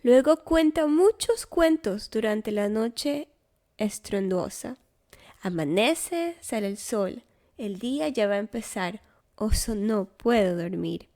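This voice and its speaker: A woman reading a children's story aloud in a slow, gentle, rhythmic way. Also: mid-range voice, lively intonation. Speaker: storybook reader.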